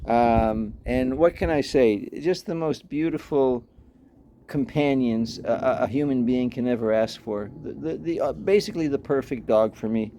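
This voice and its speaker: A man's voice: mid-range voice, moderate pace, warm tone, a little hiss or hum. A middle-aged man hosting his own dog channel, telling a story in a loose, rambling way, full of restarts and fillers. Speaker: dog owner and channel host. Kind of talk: casual vlog storytelling.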